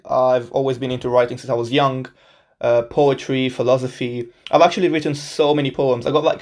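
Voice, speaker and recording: A slightly mellow, medium-pitched voice belongs to a man in his twenties from Portugal who speaks Portuguese natively. He kicks off his solo podcast casually and upbeat, with a self-deprecating touch.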